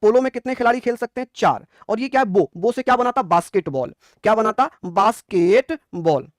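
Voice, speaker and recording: A man's voice: very high-pitched, lively intonation, fast, no echo, studio quality. A man teaching an exam quiz class, coaxing answers and praising often.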